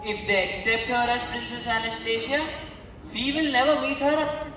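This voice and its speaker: A man's voice: very high-pitched, moderate pace, sharp tone, soft background music. A male student playing a theatrical, sentimental aging nobleman in a school stage play. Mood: grand. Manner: grand, sentimental declaiming. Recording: echoey hall from far off.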